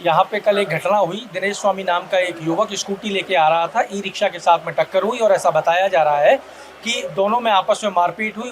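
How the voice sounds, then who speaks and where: A male news reporter at a police station, interviewing a grieving family and repeating their answers back in brisk questions. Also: high-pitched. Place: outdoors by a police station, crowd around. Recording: crowd noise at a protest.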